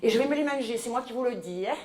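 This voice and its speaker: A woman's voice: a little high, racing, darkish tone, lightly acted. A woman playing a talkative middle-aged mother from the south of France with a southern French accent, rambling and indignant in a live comedy sketch. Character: chatty southern French mother, newcomer, scheming. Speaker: comic stage character. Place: large echoey hall. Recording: roomy live hall sound.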